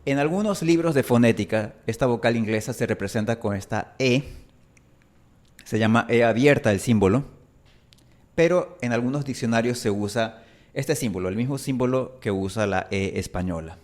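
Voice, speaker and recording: A man's voice: mid-range voice, moderate pace, darkish tone. A man teaching Spanish pronunciation, a native speaker who enunciates carefully and draws out his example vowels. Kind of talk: pronunciation lesson.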